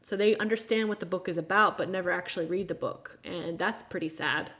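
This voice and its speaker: A woman's voice: on the low side, brisk, a bit bright. Frank American woman in her thirties. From United States. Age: 30s. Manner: frank, exasperated, sarcastic asides. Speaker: livestream host. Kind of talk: casual live chat.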